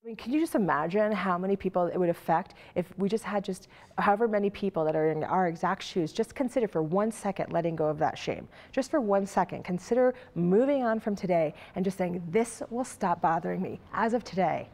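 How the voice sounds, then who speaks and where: A woman's voice: fairly low pitch, fairly quick, a little mellow. Interviewee, woman in her 40s, earnest and impassioned, indoor office. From New York State. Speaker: documentary co-creator, interviewee. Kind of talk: sit-down interview.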